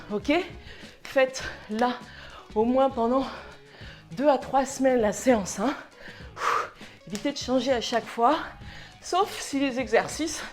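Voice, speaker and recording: A woman's voice: sits high, darkish tone. French woman barking workout cues. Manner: brisk, punchy cues while exercising along. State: out of breath at times. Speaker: fitness coach. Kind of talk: workout instruction.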